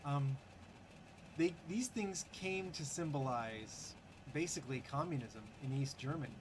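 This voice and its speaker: A man's voice: a little high, measured pace, noisy background. A man hosting a gaming channel, giving casual, chatty commentary over gameplay with wry, sarcastic asides and lots of fillers.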